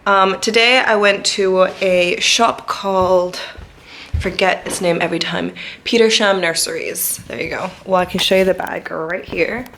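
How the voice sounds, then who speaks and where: A woman giving a casual vlog tour of her flat on a handheld camera, chatty and rambling with many fillers. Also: on the low side, measured pace, a little hiss or hum. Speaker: vlogger. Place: flat, indoors. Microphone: handheld vlogging camera.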